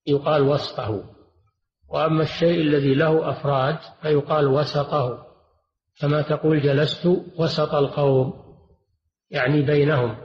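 An older man and religious scholar giving a measured classroom lecture, repeating and rephrasing each point. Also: on the high side. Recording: dull, roomy lo-fi lecture recording.

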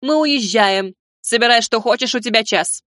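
A stern, imperious old great-grandmother, voiced by a woman in an audiobook. She scolds coldly and commands, in a rather high voice. The sound is dry and close. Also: normal speed, a bit bright, no room sound, close to an everyday voice.

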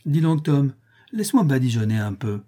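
A man's voice: mid-range voice, sing-song, moderate pace, natural voice. A man voicing an eager young boy who pretends to be a steamboat, calling out commands and bell sounds in an audiobook reading. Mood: teasing, pleading. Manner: shouted commands and bell noises.

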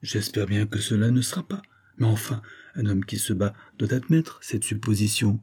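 Man reading as a calm young nobleman. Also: fairly low pitch, moderate pace, husky. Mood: grave. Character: young male nobleman, calm and resolute before a duel.

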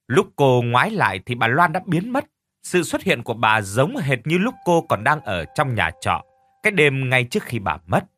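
A man narrating a scripted horror story with dramatic, expressive delivery. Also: medium pitch. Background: faint music.

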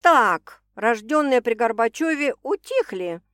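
A woman's voice: a little high, wildly swooping pitch, unhurried, no room sound, clean studio sound. A woman voicing a suspicious, demanding young woman.

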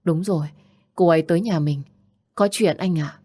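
A steady young wife who keeps her head and speaks firmly, read by a woman narrator. Her voice sits low and sounds dry and close. It is an audiobook character. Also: moderate pace, slightly rough, no room sound. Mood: gentle. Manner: soothing, firm. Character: calm, loyal young wife.

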